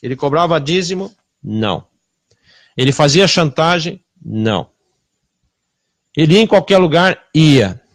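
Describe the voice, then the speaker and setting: A man preaching a sermon with a Brazilian Portuguese accent, confrontational and full of rhetorical questions, swinging between loud bursts and hushed asides. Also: a little high, animated, measured pace, pauses often, dry recording, studio quality.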